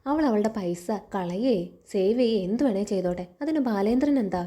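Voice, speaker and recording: A woman's voice: mid-range voice, expressive, normal speed, dark tone, natural voice. A woman reading the lines of a domineering, wealthy middle-aged lady of the house in a scornful, scolding way.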